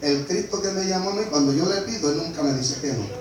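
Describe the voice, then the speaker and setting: A man preaching a fervent sermon as pastor, moving between quiet talk and shouted praise, with frequent exclamations of praise, in a church. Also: a little high, fast, crowd noise. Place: church sanctuary. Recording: echoey church hall, voice from far off.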